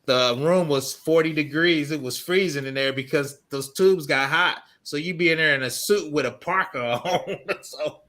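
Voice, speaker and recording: A man's voice: a little high, moderate pace, few pauses, bright, forceful tone. A man in his fifties hosting a casual tech chat, laughing often as he talks. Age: 50s. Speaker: host.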